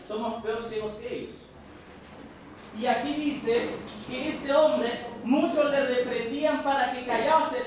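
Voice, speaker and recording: A preacher delivers a sermon, calling the listeners brothers and leaning on rhetorical questions. The voice rings through a very echoey church hall. It is picked up from a distance, with faint noise behind it. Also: high-pitched. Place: church sanctuary.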